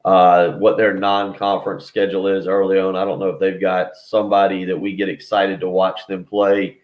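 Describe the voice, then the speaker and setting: A man's voice: low-pitched, monotone, moderate pace. A man talking casual sports as a guest over the phone, rambling and interrupting himself. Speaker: radio host as call-in guest. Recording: muffled phone line.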